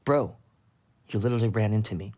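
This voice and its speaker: A flustered young idol trainee blurts out his complaints, as a man reads his lines. He sounds exasperated and a little low-voiced, his lines read aloud from a storybook-style fanfic. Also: a little fast, a little mellow, natural voice.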